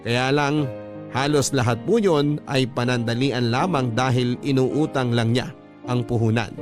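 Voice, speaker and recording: Reading a listener's letter aloud as a radio-drama storyteller, a man reminisces in earnest, polite first person. His medium-pitched voice sounds close to everyday speech, with background music running underneath.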